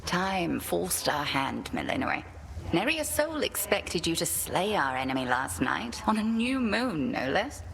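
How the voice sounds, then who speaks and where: An actress playing a stern, wise witch headmistress in a video game, with measured archaic speech. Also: fairly low pitch, big pitch swings, gravelly, fairly bright tone, slight background noise, full character voice. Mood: stern, encouraging. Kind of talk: video game character acting.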